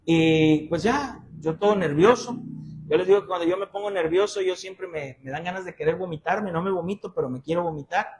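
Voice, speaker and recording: A man's voice: sits high, brisk, slight background noise. A young man with a Mexican accent preaching an expository sermon in church, telling stories and acting out the people he quotes. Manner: animated storytelling, acting out quoted voices. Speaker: pastor.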